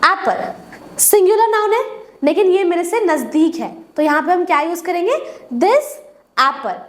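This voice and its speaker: A woman's voice: very high voice, moderate pace. A woman whose first language is Hindi, teaching English grammar step by step and asking and answering her own questions. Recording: echoey room.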